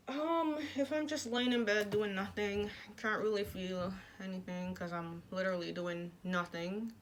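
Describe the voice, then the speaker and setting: A woman's voice: medium pitch, a bit bright, a little hiss or hum. A woman talking casually in a personal vlog, speaking through clenched teeth with little mouth movement. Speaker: vlogger sharing recovery from jaw surgery.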